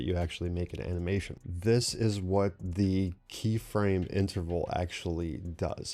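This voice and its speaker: A man's voice: low voice, warm tone. A man hosting a casual screen-recorded tutorial, explaining step by step with fillers and frequent "right?" check-ins. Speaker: tech tutorial host.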